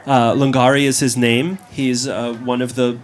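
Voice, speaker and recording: A man's voice: mid-range voice, flat delivery, moderate pace, a little hiss or hum, lightly acted. A man doing a hesitant village barman. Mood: obliging. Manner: hesitant, full of ums and restarts. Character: village barman, helpful middle-aged man. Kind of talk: tabletop game voice acting.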